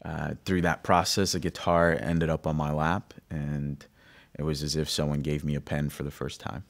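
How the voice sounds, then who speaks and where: A man in his thirties, born in Greece, speaking reflectively with halting restarts as a musician guest interviewed in a recording studio. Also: extremely low pitch, level tone, vocal fry. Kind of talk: conversational interview. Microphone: studio condenser mic on stand.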